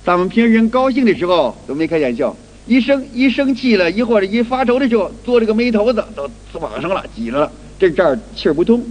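A man's voice: high voice, big pitch swings, fast, hardly any pauses, darkish tone. A man giving a spoken qigong lecture who acts out little everyday scenes and repeats and restarts his phrases. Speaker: qigong teacher. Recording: long hall reverb.

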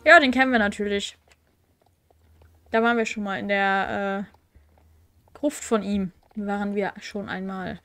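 A young woman hosting a let's play from home has a cold as she reads out quest text and chats wryly, often using fillers and correcting herself. Her mid-range voice is steady, bright, and forceful, a little slow, with frequent pauses.

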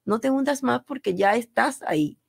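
Emphatic Panamanian woman with gravelly edge. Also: fairly high pitch, animated, moderate pace, dry recording, clean studio sound. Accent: Panamanian Spanish. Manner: earnest, emphatic, repeats key phrases. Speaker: guest. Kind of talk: interview. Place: radio studio.

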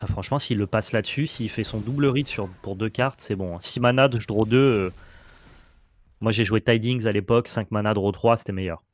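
A man co-hosting casual gameplay commentary, quick and excitable as he coaches his partner through each turn. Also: fairly low pitch. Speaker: co-host advising the player.

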